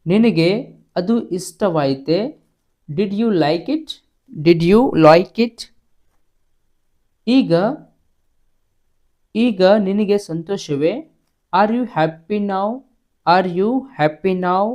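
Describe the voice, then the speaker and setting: A man teaching spoken English, saying each phrase twice, slowly and clearly. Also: sits high, darkish tone. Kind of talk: slow, drilled spoken-English lesson.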